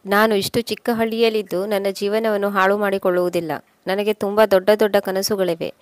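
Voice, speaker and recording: A woman's voice: mid-range voice, no echo, natural voice. A woman voicing a stubborn, ambitious young man set on leaving his village, arguing insistently and impatiently.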